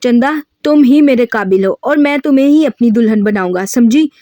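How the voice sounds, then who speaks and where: A woman's voice: on the high side, animated, normal speed, no room sound, studio quality, natural voice. A woman voicing a hot-tempered, possessive young man in a novel reading. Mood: angry. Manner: forceful, commanding.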